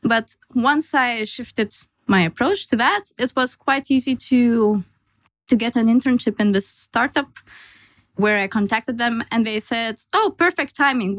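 A woman in her late twenties, originally from Lithuania and a native Lithuanian speaker, telling her career story on a podcast in an animated way. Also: a little high, no room sound, poor audio. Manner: animated storyteller, acts out her own past thoughts, laughs easily. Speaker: Salesforce consultant, podcast guest. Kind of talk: casual interview storytelling.

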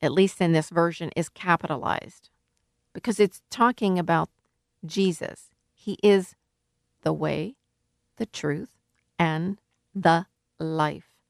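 A woman's voice: lowish voice, takes it slowly, gravelly, pauses often, dry recording, clean studio sound. A woman preaching a sermon in an earnest, emphatic way, working through scripture. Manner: earnest, emphatic, rises to calling out. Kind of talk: sermon teaching.

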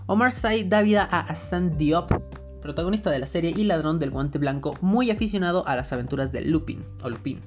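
A woman with a slightly low voice hosts a recommendation review. She sounds chatty and emphatic, moving between scripted summaries and informal asides. The audio is a little dull and lo-fi, with music behind her. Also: animated, fairly quick, darkish tone. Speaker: host recommending movies and series.

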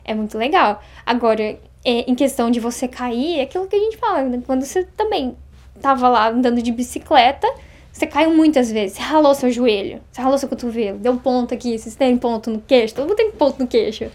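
A woman in her thirties from Brazil, chatting as an interview guest, talking fast and acting out little quoted exchanges. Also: high voice. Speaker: interview guest, Japanese teacher. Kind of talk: casual interview chat.

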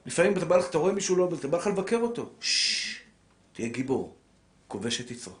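A middle-aged man giving a religious lecture on marriage, animated and preacherly, swinging between soft, low lines and raised, pressing ones. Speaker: rabbi lecturer. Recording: echoey room.

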